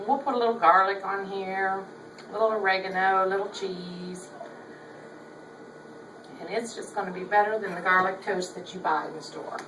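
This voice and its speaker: Folksy older Southern woman cooking. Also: mid-range voice. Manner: chatty, folksy, opinionated. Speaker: cooking show host. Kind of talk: home cooking demonstration. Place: home kitchen. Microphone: camera held by her son. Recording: echoey room, distant camera mic, background noise.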